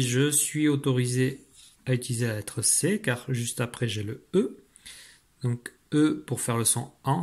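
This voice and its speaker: A man's voice: medium pitch, breathy edge. A primary school teacher, a man, leading a patient spelling dictation lesson and talking directly to the pupil. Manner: patient, explains step by step, addresses the pupil directly.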